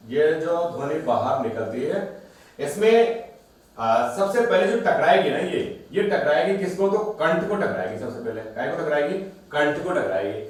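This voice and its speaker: A man with a somewhat high voice teaches grammar, asking himself questions and then answering them. He sounds set back from the mic in a strongly echoing room. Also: sing-song, measured pace, pauses often. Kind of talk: classroom-style recorded lesson. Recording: very echoey room, voice from a distance.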